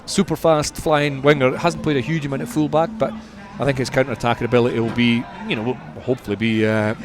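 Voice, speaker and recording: A medium-pitched man chats about sports as a guest on the radio, keeping his delivery measured and echoing words for emphasis. There's little movement in his pitch.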